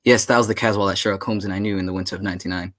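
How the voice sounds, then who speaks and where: Man playing quick-talking, low-voiced Doctor Watson. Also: fairly even intonation, fairly bright tone. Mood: genial, reminiscing. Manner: courteous, old-fashioned phrasing. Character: Doctor Watson, genial English gentleman storyteller. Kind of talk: radio drama narration and dialogue.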